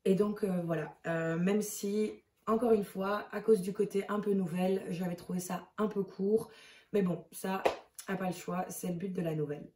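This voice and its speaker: A woman's voice: medium pitch, fairly even intonation, moderate pace, dark tone. A woman chatting hesitantly as a book vlogger, reviewing her month's reading and checking her notes as she goes. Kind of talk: casual book review chat. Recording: roomy echo, mic at a distance.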